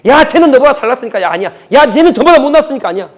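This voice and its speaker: A man voicing a male devil who quietly whispers divisive gossip, in a whispered role-play within a sermon. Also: very high voice, animated, very fast, pitched above the performer's own voice. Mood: insinuating. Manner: hushed, insinuating gossip.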